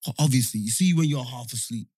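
A man's voice: mid-range voice, quick pace, a little mellow, slightly rough, no room sound. A man with a London roadman accent chatting casually in slang, telling stories on a close mic and often repeating himself to check you follow. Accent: London roadman, multicultural urban slang. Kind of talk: casual chat, slangy storytelling.

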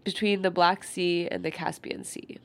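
A woman with a stuffy nose reading an old textbook aloud in a quiet, unhurried way and pausing to comment on it. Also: lowish voice, steady tone. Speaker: reader.

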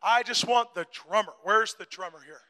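A man preaching a sermon in short phrases for an interpreter, building to shouted crescendos. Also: high-pitched, normal speed. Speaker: guest preacher. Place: church hall. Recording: echoey church hall reverb.

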